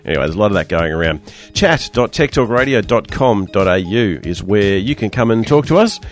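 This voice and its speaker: An Australian man with a croaky, hoarse voice hosting a radio show in a casual, chatty, joking way. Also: on the low side, animated, a little fast, faint music behind. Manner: chatty, loose, jokey banter. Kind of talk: casual panel-show presenting.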